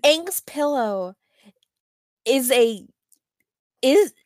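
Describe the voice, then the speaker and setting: A young woman co-hosts a casual podcast, chiming in with short quips and agreement. Her voice sits a little high. The sound is close and dry. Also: lively intonation, extremely slow, darkish tone, dry recording. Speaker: podcast co-host. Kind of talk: casual chat recapping a cartoon episode.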